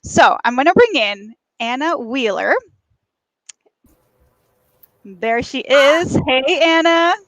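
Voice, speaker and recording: A woman's voice: high voice, expressive, unhurried, fairly bright tone, no echo, low-quality recording. A woman from Mexico who works as a life coach, hosting a conversational livestream. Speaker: host, life and career coach. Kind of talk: conversational livestream monologue and interview. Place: at a beach.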